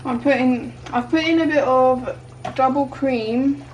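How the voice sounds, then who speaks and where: A woman's voice: high-pitched, a little slow, music in the background. A young woman chatting casually to viewers while she cooks in her home kitchen, filming on a handheld phone. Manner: chatty, bubbly, talks to viewers while cooking. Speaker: cooking vlogger. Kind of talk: casual cooking vlog chat. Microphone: handheld phone camera. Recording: noisy kitchen recording.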